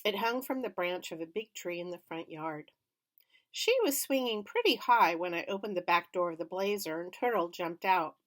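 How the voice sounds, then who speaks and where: A woman reading a children's novel aloud in plain, steady first-person narration. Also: fairly low pitch, normal speed. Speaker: reader.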